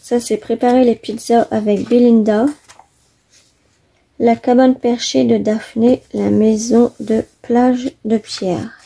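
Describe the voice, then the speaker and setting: Female craft vlogger, husky and warm, casual enthusiastic delivery. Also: a little high, level tone, slow. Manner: chatty, enthusiastic, many fillers. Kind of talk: casual magazine flip-through.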